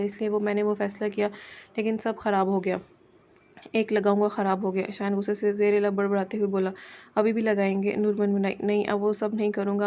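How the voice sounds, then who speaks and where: A woman reading a romance novel aloud in a steady, even voice, with some stumbles over words. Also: medium pitch, highs cut off. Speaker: novel narrator.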